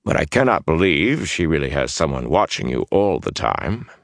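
Man doing older gleeman, wary, guarded, very deep, dry close sound. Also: very animated, moderate pace, vocal fry, no room sound, heavily acted.

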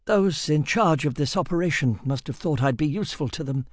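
A man's voice: a little high, brisk, no room sound, studio quality, voice pushed up, close to an everyday voice. A man voicing a sick, weary male engineer held captive, with a cough in his lungs. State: coughing, ill.

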